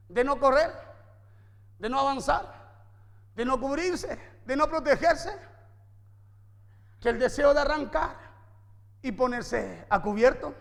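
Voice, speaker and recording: Male pastor, very high voice, emphatic sermon, church reverb. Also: fairly bright tone. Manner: emphatic preaching with repeated phrases and rhetorical questions.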